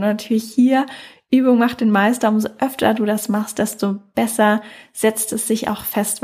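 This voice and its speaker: A woman talks the listener through a self-help exercise in an even, unhurried way. She speaks directly to you like a coach, pausing now and then to find her words. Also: fairly high pitch, husky. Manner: calm, addresses the listener directly, with occasional filler pauses. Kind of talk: instructional talk.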